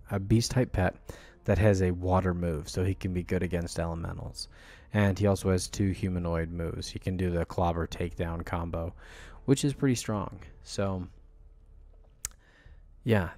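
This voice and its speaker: Quiet, low-pitched man at night. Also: no room sound. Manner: quiet, held-back late-night voice. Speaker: gaming guide host. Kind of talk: casual video game guide commentary.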